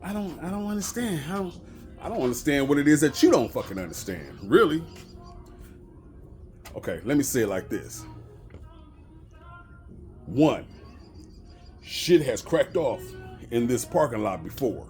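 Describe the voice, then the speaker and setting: Profane, animated man ranting. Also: mid-range voice, a little slow, long pauses, soft background music. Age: middle-aged. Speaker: bus driver. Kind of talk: casual vlog rant.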